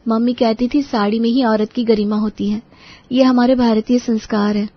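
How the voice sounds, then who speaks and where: A woman's voice: on the high side, fairly even intonation, normal speed, highs cut off, close to an everyday voice. A woman voicing a sweet, shy, devout young bride in a cartoon, speaking politely and respectfully.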